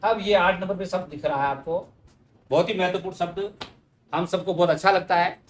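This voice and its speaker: Male teacher, high voice, patient explainer, recorded from a distance in an echoey room. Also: fairly even intonation, fairly quick, slight background noise. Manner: explanatory, addresses students directly. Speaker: Hindi teacher. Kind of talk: exam-prep spelling lesson.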